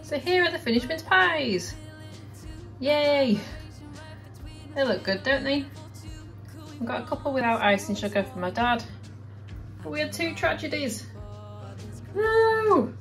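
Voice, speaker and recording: A woman's voice: a little high, a bit bright. Chatty British woman vlogging her day. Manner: chatty, talking to camera while going about her day. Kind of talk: casual vlog chat.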